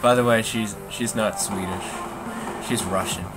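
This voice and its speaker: Loud backseat-gaming man. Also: lowish voice, fairly even intonation, a little slow. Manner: backseat coaching, gets loud. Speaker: co-commentator. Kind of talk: casual gameplay commentary. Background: game music.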